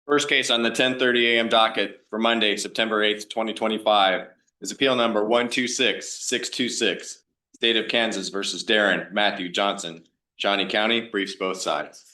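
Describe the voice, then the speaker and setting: Bright-voiced, low-pitched male court clerk. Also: fairly even intonation, normal speed. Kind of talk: formal reading of a court docket.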